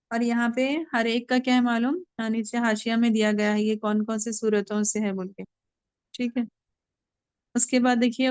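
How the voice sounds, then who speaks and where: A woman teaching Quran recitation rules to students, patiently explaining and slowly repeating words to demonstrate. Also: a little high, smooth, dry recording.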